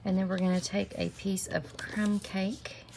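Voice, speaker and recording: A middle-aged woman's medium-pitched, creaky, slightly mellow voice stays fairly flat in pitch as she moves at a measured pace through a live stamping craft tutorial. She has a slight cold and sniffles, chatting step by step and greeting viewers by name. Her camera mic at the desk captures noticeable background noise.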